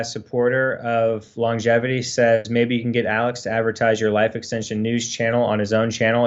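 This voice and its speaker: A man's voice: fairly low pitch, lo-fi sound. A man co-hosting a casual livestream chat, rambling earnestly with many fillers. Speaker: co-host.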